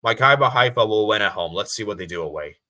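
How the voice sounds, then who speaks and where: Deep-voiced with a bright, forceful edge, this casual live-streamer from the USA speaks at a quick pace with lively intonation. He wanders from point to point, says the same phrases more than once, and reads out viewers' comments as they come in.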